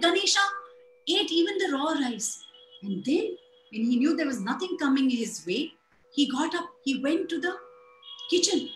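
Animated woman storyteller. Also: sits high, reverberant, slight background noise, low-quality recording. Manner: animated, chants sound effects. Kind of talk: expressive folktale storytelling.

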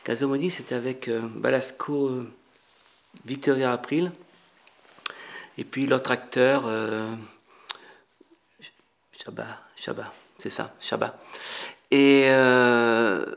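A middle-aged man, a chef, telling an anecdote in an interview with lively acted-out dialogue and many restarts. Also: mid-range voice, takes it slowly, creaky, long pauses. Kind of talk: storytelling in an interview.

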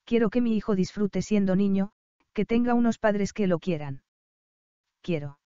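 A heartsick young bride speaks soft and hesitant, as a woman narrator reads her. The voice is warm and smooth, and the recording is dull and dry. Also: medium pitch, animated, normal speed, dry recording, close to an everyday voice. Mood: troubled.

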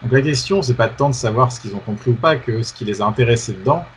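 A man's voice: medium pitch, quick pace, slight background noise, rough recording. A male researcher answering interview questions in a conversational way, hesitant, with many fillers and restarts. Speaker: researcher guest.

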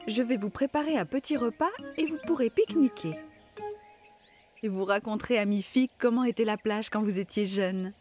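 A woman voicing a calm, caring mother rabbit in a storybook cartoon, with a soft reassuring tone. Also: a little high, normal speed, faint music behind, lightly acted.

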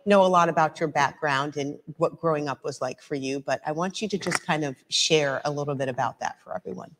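Low-voiced woman interviewer in a hall. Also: fairly quick. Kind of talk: onstage interview conversation. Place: auditorium stage before an audience. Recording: hall with long reverb and faint noise.

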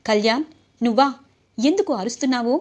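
A woman's voice: a little high, a little fast, close to an everyday voice. A woman doing a stern grandmother. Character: stern grandmother, head of family.

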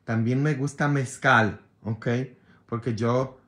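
A man's voice: mid-range voice, steady tone, takes it slowly, fairly bright tone. A man, a priest with a sore throat, chatting casually and jokingly with his followers, sometimes exasperated. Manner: joking, exasperated, mixes jokes with advice.

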